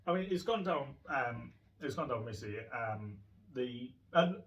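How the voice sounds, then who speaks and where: Man, middle pitch, casual chatty explaining, distant mic. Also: animated, a little slow. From Teesside, North East England. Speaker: co-host. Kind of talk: casual chat.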